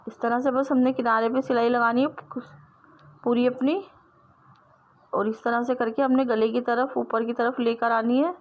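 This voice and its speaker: Patient, higher-voiced woman sewing teacher. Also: flat delivery, normal speed, darkish tone. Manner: patient, repetitive step-by-step explaining. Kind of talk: step-by-step sewing tutorial.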